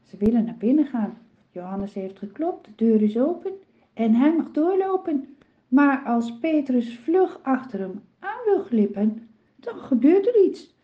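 A woman's voice: high voice, very animated, unhurried, highs cut off. A woman telling a children's Bible story in a dramatic, emotive way.

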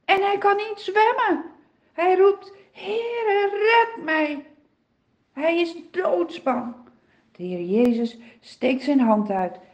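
A woman telling a Bible story to children in an expressive, vivid way. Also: very high-pitched, slow pace, highs cut off.

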